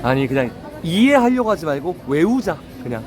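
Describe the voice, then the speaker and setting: Playful animated man, music behind. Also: fairly high pitch, moderate pace, crowd noise. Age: 30s. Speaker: streamer and vlog host. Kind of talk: casual chat on a date.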